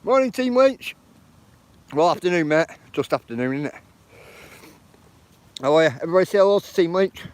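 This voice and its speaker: A man's voice: on the high side, big pitch swings, fairly quick, long pauses, clear, resonant tone, no room sound. A man with a Lancashire accent chatting casually on a walking live stream outdoors by the water, greeting viewers by name and calling them bro and bruv. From northern England. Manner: uses slang like bro and bruv.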